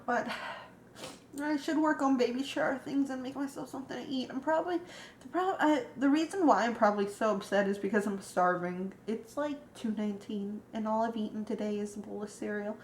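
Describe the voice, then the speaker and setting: A woman's voice: fairly high pitch, expressive, normal speed, a little hiss or hum. A woman vlogging casually, rambling and emotional with lots of fillers. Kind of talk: casual vlog. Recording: echoey room.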